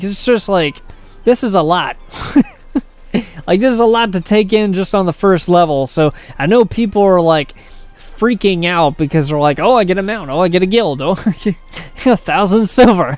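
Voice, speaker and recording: A man talks through a game session in casual, rambling commentary, full of amazed asides and fillers. His voice sits fairly high for a man and sounds smooth and clear. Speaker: game streamer.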